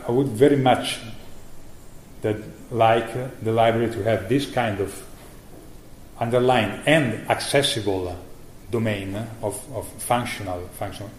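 Man, middle-aged, conference keynote, halting with many fillers, echoey hall, faint background noise. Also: fairly low pitch, a little mellow. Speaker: keynote speaker, library maintainer.

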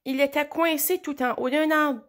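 A woman reads a children's picture book aloud, highly expressive. She draws out key moments with slow, dramatic pauses. Her voice sits a little high and bright. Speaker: storybook reader. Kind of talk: children's story read aloud.

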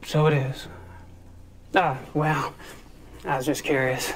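Casting: casual, nosy American investigator, high voice, game music under. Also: male voice, flat delivery, slow. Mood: curious. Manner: casual, probing questions.

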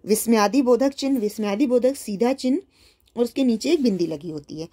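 A woman's voice: a little high, lively intonation, a little fast, dark tone. A woman teacher patiently explaining a school worksheet to young children, often repeating and rephrasing her points.

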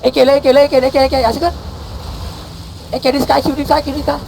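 A man calling shots in a game battle, barking rapid repeated commands and countdowns, mixing English callouts into his speech. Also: extremely high pitch, level tone, gravelly, darkish tone, slight background noise, poor audio. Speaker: guild war shotcaller. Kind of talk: live game commands over voice chat.

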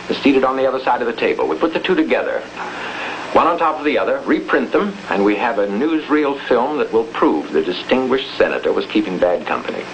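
An American actor plays a commanding, calculating older boss running a propaganda front in a 1950s TV crime drama, speaking with formal, deliberate authority. His voice is medium-pitched, and the noisy old film soundtrack cuts off the highs.

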